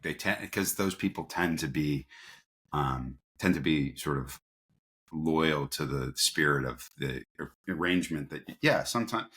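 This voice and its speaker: Very deep yet fairly bright in tone, this male voice belongs to a company founder being interviewed. He tells his stories conversationally and informally, slipping into acted-out lines of dialogue.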